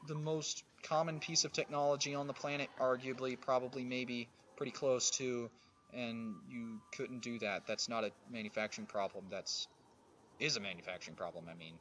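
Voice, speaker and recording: A man's voice: mid-range voice, fairly even intonation, normal speed, fairly bright tone, slight background noise. A man hosting a gaming livestream, chatting casually and rambling with many restarts and fillers while friends sit nearby. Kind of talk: casual chat while playing.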